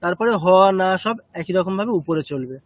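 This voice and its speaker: A man's voice: high-pitched, animated, a little fast, no echo. A man teaching a chanting class, explaining step by step and checking with short questions.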